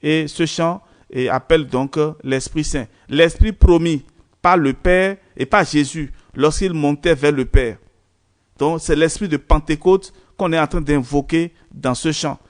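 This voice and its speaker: A man's voice: a little high, unhurried. A man leading a prayer gathering as a priest, speaking informally and unhurriedly, giving instructions and blessings with frequent fillers.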